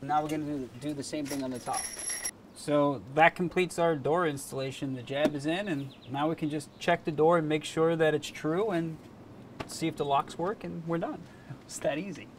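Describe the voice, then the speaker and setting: A man's voice: a little high, fairly even intonation, moderate pace, background noise. A man working as a contractor gives an informal product demonstration, explaining each step in a plain-spoken, folksy way.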